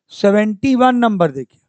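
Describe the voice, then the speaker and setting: A man with a fairly high voice teaches spelling for exam practice and says each word over and over as he corrects it. He talks at an unhurried pace and clears his throat now and then. The recording is dry and close. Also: no room sound. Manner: slow and repetitive, saying each word several times and correcting it. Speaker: Hindi grammar teacher. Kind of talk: exam-prep lesson, working through spelling questions.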